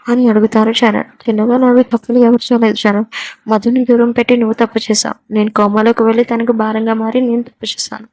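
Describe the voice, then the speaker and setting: A woman's voice: a little high, a little mellow, dry recording, poor audio. A woman narrating a romance story, reading all the characters' lines in her own voice.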